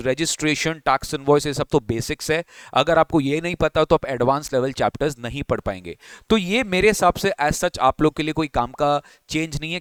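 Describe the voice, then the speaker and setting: A man's voice: on the high side, smooth, no echo. A man giving a coaching lecture, emphatic and mixing in English, asking himself rhetorical questions. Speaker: tax teacher.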